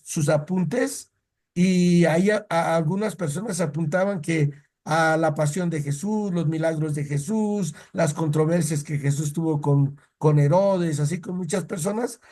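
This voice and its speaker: High-voiced man teaching catechism. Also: a little mellow. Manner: storytelling, restarting phrases often. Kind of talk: casual Bible teaching.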